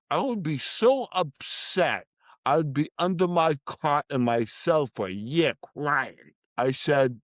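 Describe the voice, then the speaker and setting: A man's voice: medium pitch, dry recording. Middle-aged guy telling his story, voice jumps all over, dry mic. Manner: emotional storytelling, acts out quoted dialogue. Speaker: podcast guest. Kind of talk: storytelling interview.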